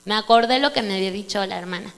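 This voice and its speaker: A woman with a Mexican Spanish accent, giving a sermon testimony in a church service and telling her story in an animated way. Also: medium pitch, racing, vocal fry. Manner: animated storytelling, addresses listeners as brother. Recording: reverberant hall with mains hum.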